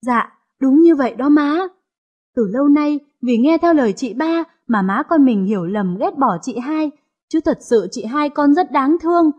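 A woman voicing a shrewd, gentle youngest daughter who speaks calmly and probes. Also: high voice, normal speed, lo-fi sound. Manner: calm, probing.

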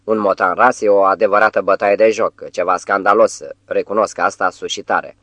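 A man voicing a vain, cheeky talking tomcat jester with a falsely warm, huffy manner. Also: on the low side, level tone, no room sound, lightly acted. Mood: offended.

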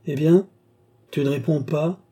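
Casting: male reader doing an old sneering alchemist, dark husky voice pushed higher, taunting. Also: a little slow. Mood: mocking. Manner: taunting, rising to fierce outbursts. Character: old scornful male alchemist, cold, mocking. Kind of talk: audiobook character voice.

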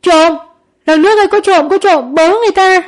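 A woman voicing a frightened elderly grandmother who cries out in desperation, with shrill, tearful shouts. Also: fairly quick. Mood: screaming. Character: frightened old grandmother crying out in despair.

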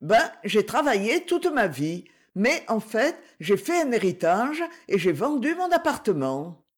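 A reader voicing a gentle, determined woman in her seventies, speaking softly and coaxingly in a slightly raised voice. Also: medium pitch, big pitch swings, a little slow, voice pushed up. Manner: soft-spoken, coaxing.

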